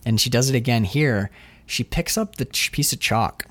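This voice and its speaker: On a relaxed film podcast, the male co-host speaks at a moderate pace and medium pitch, full of animation. He swears casually and slips into different voices to act out what the characters say.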